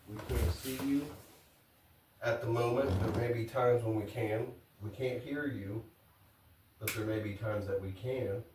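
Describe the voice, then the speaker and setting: A man talks as a paranormal investigator inside a house, explaining things politely to unseen spirits. He sounds distant from the mic in an echoey room, with clear noise over the recording. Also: on the low side. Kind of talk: ghost hunt narration, calling out to spirits. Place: indoors in a farmhouse.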